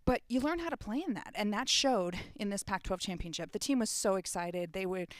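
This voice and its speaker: A middle-aged woman talks quickly and casually as a radio guest. Her voice is smooth and crisp, recorded dry and close. She is chatty and easygoing about her own mistakes. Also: medium pitch, dry recording. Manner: quick, chatty, laughs at herself. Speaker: compliance officer and guest.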